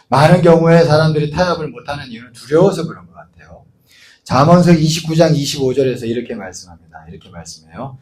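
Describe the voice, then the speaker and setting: Lively, higher-pitched Korean pastor. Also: male voice. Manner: conversational storytelling with rhetorical asides. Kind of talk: sermon. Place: church.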